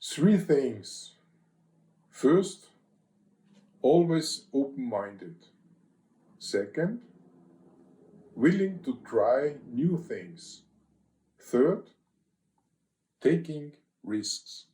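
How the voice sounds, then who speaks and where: A man's voice: medium pitch, sing-song, extremely slow, long pauses, warm tone, reverberant, rough recording. An older man from Austria, a guest in an interview, answering in terse, clipped, list-like phrases.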